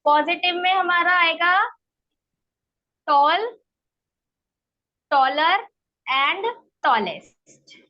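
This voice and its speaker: Woman teacher in an online grammar class, really high voice, slow careful talk, dull lo-fi audio. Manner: explains step by step, checks understanding with "ठीक है?". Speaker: English teacher.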